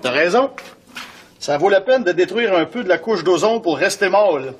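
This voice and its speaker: A man's voice: high-pitched, lively intonation, moderate pace. An actor with a Quebec French accent playing a cocky, womanizing young bachelor with boastful banter. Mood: playful. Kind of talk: sitcom acting. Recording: loud background noise.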